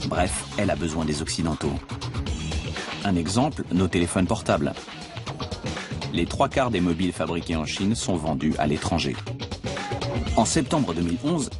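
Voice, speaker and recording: A man narrating a documentary in a measured, dramatic scripted voice-over. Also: low voice. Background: music.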